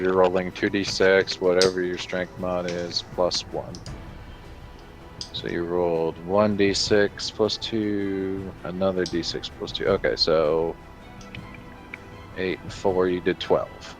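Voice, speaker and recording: A man acting as game master, patiently explaining the rules and narrating the fight with vivid flair. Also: low voice. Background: soft background music.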